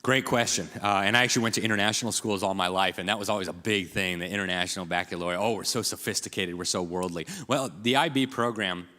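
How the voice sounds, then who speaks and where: Guy talking fast and urgent at a conference, lots of "right?", long hall echo. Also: fairly low pitch, pushed and bright. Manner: urgent, emphatic, rhetorical asides. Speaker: conference speaker. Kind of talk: impassioned conference speech. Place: large hall with audience. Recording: live talk in a reverberant hall.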